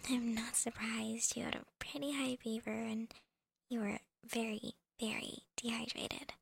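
A young woman whispers right up against the microphone in an ASMR girlfriend roleplay, her voice airy, breathy and full of gravelly fry. She teases softly, slips in small laughs, and keeps her pitch a little high but barely moving, with an unhurried pace. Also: steady tone, no echo. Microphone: close microphone.

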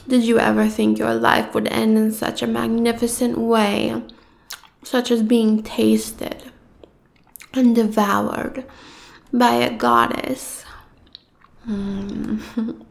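A woman voicing a cruel, gloating giant goddess who speaks in slow, taunting threats. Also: on the high side, creaky. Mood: savoring. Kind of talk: fantasy audio roleplay.

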